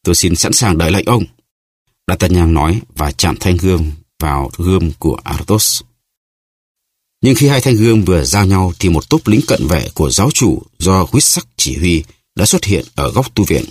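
Deep, husky audiobook narrator man. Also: normal speed, dry recording, studio quality. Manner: steady storytelling. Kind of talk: scripted narration.

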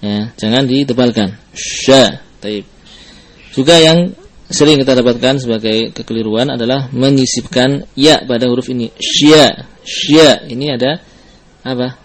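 In this Quran recitation lesson, a man speaks at normal speed with medium pitch and fairly even intonation. Patient throughout, he breaks down each sound, uses Arabic terminology, and has the letters repeated in drill after drill.

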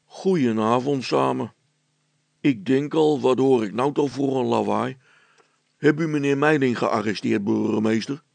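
A man's voice: medium pitch, measured pace, creaky, darkish tone, no room sound. A man voicing a polite, curious male village policeman. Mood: officious.

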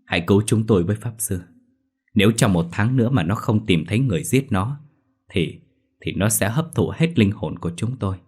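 A lowish, husky, slightly mellow voice with lively intonation and a brisk pace belongs to a man playing the tearful ghost of a young man who drowned, talking through a medium. He pleads sorrowfully, close to tears.

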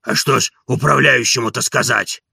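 A man's voice: mid-range voice, moderate pace, vocal fry, pushed and bright, breathy edge, no room sound, studio quality, full character voice. A man reading an audiobook and voicing a timid, grumbling old male servant who mumbles and pleads. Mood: pleading.

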